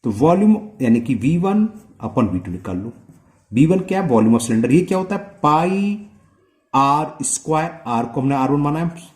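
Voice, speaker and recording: A man's voice: a little high, very animated, a little mellow. A man teaching maths and working through a multiple-choice solution step by step, often stopping to check with the viewer. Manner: slow, step-by-step, asking the viewer questions.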